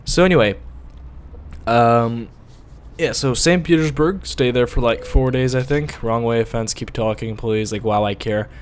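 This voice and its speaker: A man's voice: medium pitch, a little slow, a little hiss or hum. Rambling, cursing gamer man, Latvian native. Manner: rambling, swears, bursts out at driving mishaps. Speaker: gaming video host. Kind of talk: casual gameplay commentary.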